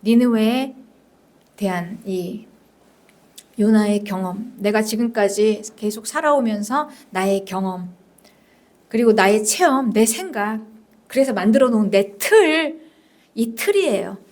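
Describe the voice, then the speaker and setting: A woman's voice: medium pitch, lively intonation, measured pace, long pauses, darkish tone. A woman senior pastor preaching a sermon, emphatic and repetitive, questioning her congregation and sometimes dropping to a whisper. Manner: emphatic, repeats phrases, drops to whispers at times; addresses the congregation directly with questions.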